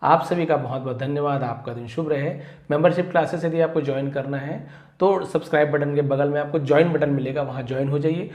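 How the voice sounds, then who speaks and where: A man teaching English vocabulary in a YouTube lesson, stressing each English word loudly before explaining it, sounding tired from long work hours. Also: fairly high pitch, steady tone, brisk, roomy sound, highs cut off.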